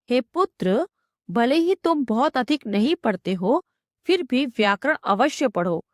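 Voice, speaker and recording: Woman teacher going through a textbook line by line, slow and clear, highish voice, dry close sound. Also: dry recording. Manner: reads each Sanskrit phrase, then gives its meaning. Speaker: Sanskrit teacher.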